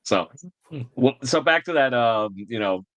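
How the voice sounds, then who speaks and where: A man's voice: mid-range voice, lively intonation, unhurried, a bit bright, no echo. A man hosting a casual podcast chat, chatty and laughing between remarks. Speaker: podcast host.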